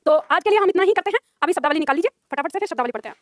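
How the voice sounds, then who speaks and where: A woman's voice: very high-pitched, lively intonation, rapid-fire, dry recording. A woman teaching Hindi, chatting to her class and online students with frequent laughs. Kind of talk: live classroom lesson chat.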